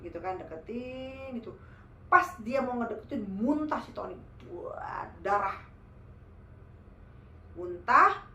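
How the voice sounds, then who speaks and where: Animated woman telling a horror story. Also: fairly high pitch, a little slow, pauses often, roomy sound. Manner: animated, addresses listeners as guys. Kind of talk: casual storytelling.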